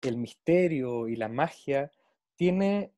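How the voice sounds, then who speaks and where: A man's voice: mid-range voice, lively intonation, slow pace, dark tone, dry recording, clean studio sound. A man in reflective casual conversation, speaking earnestly and at length, often doubling small linking words as he builds his thought.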